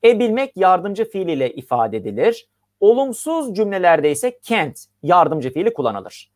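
An English teacher giving an online grammar lesson over slides, reading each example slowly and then translating it, and asking the class questions as they explain step by step. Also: mid-range voice, sing-song, a little mellow.

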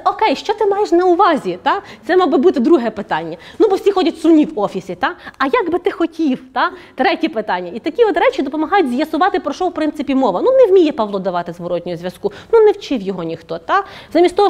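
A woman speaker giving a lively conversational lecture at a workshop, often checking in with her audience through tag questions. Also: high voice. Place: office event room.

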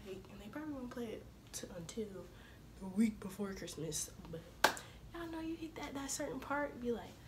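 A young woman vlogging casually to her viewers, her voice slightly hoarse from a cold, chatting informally and calling them y'all. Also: fairly high pitch, expressive, moderate pace, very noisy. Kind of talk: casual vlog chat to camera.

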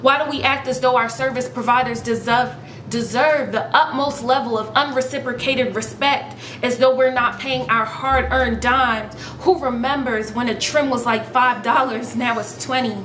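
Rhetorical questions drive the sassy, rhythmic spoken word of this thirtysomething hair vlogger, who sits on her living room sofa, filmed head-on from the head and shoulders up. Her slightly high, fairly bright voice stays fairly even at a moderate pace, in a roomy space with a little hiss or hum.

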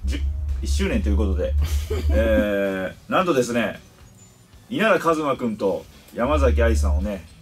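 A man's voice: fairly low pitch, very animated, a little slow, faint music behind. A man, a staff member, stepping in as emcee with a hyped, showy delivery. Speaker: stand-in host, staff member. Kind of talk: casual chat.

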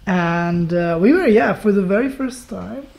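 A man's voice: high-pitched, animated, unhurried, gravelly, darkish tone. Hesitant young man. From Slovakia and Czech Republic. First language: Czech and Slovak. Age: 20s. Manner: hesitant, restarts mid-sentence, trails off. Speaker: guest filmmaker. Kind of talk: casual interview chat.

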